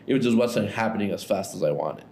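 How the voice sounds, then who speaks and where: An Ecuadorian podcast guest in his thirties talks through his story in a relaxed, loose way, saying "like" and "right?" a lot. His voice is lowish and fairly quick, with a little hiss or hum in the recording.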